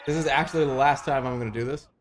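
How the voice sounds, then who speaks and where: A man's voice: medium pitch, very fast, crowd noise. A man in his thirties giving exasperated live gameplay commentary, often repeating short phrases and swearing. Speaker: video game streamer.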